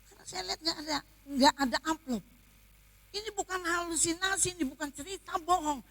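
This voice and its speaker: A woman's voice: extremely high pitch, a little fast, no room sound. Woman pastor giving an emotional testimony. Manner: emotional storytelling, swings between loud and hushed. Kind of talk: sermon testimony. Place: church.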